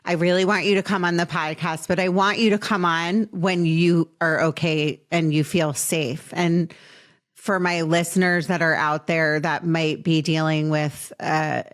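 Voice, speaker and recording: A woman's voice: low-pitched, steady tone. A woman in her late twenties hosting a podcast interview, speaking earnestly and affectionately to her guest. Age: late 20s. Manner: earnest and affectionate, slow in emotional moments. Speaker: podcast host.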